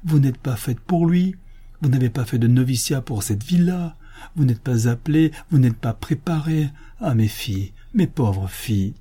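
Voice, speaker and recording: A man's voice: medium pitch, expressive, moderate pace, mellow, husky, voice pushed up. A man reading the part of an aging priest, tired and compassionate, speaking with earnest sorrow. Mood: fervent grief. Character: weary compassionate aging male priest, grave and fervent.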